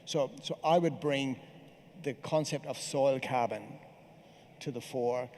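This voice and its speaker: A man's voice: mid-range voice, measured pace, a little mellow. A man with an Irish accent, speaking as a panelist in a panel discussion, explaining at length with hesitant fillers. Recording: reverberant hall with faint noise.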